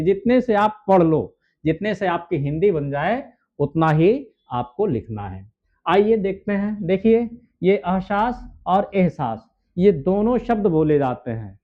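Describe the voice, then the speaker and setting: A man's voice: sits high, muffled recording. A man teaching shorthand step by step. He asks his own questions, answers them, and checks in with "है ना" and "ठीक है". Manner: keeps adding "है ना" and "ठीक है" as checks. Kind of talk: steno dictation lesson.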